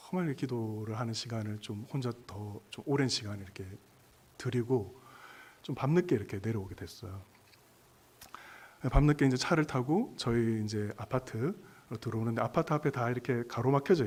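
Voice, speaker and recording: A man's voice: mid-range voice, a little mellow, slightly rough. A male pastor giving a church sermon, telling a personal story in a conversational way with many fillers and speaking directly to the congregation. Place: church sanctuary.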